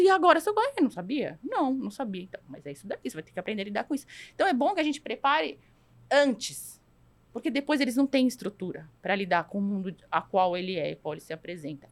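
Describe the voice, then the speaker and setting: A woman with a Brazilian accent speaking emphatically as a guest in a podcast conversation, lecturing on parenting and acting out quoted voices. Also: mid-range voice. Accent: Brazilian Portuguese.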